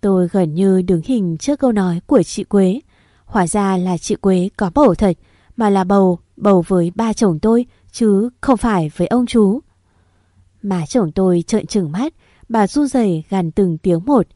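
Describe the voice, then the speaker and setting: A woman narrating a first-person story in a steady, even way. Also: mid-range voice, moderate pace, no echo, clean studio sound.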